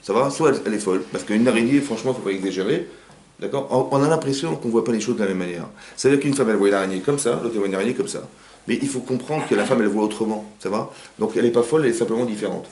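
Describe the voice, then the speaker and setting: A man who is a rabbi giving an informal Torah class in a private home, talking quickly and firing rhetorical questions at his listeners. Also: on the low side, a little hiss or hum. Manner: rapid, animated, asks the audience rhetorical questions. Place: living room of a private home. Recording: roomy home recording.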